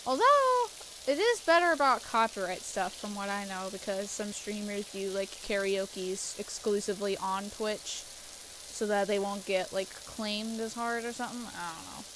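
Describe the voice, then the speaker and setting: A woman's voice: mid-range voice, moderate pace, noisy background. A young woman streamer with a stuffy nose, chatting casually while she plays, rambling with lots of fillers and casual swearing. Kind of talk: casual chat while gaming.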